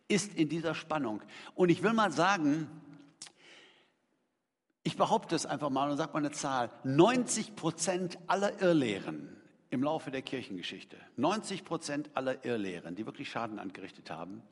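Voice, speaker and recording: A man's voice: medium pitch, creaky. A middle-aged man preaching a sermon in a conversational, emphatic way, throwing rhetorical questions to his congregation. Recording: long reverb of a large hall.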